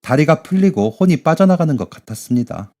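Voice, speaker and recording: A man reading a listener's sad life story aloud in the first person, in a steady, mournful way. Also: on the high side, fairly quick.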